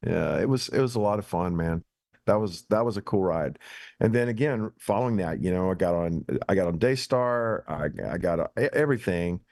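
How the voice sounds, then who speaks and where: A man's voice: low-pitched, a little fast, darkish tone. A man with an Appalachian hillbilly accent, chatting casually as an interview guest in a folksy, emphatic way. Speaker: guest, ministry leader and author. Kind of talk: casual chat.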